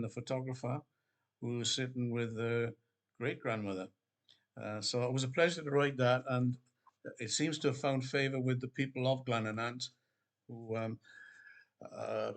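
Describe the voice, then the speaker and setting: An older man speaks in a relaxed, meandering way. He fills his talk with ums and restarts, like an author talking about his own work. His voice sits at an ordinary middle pitch. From Wales. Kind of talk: casual spoken book promotion. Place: Queensland, Australia.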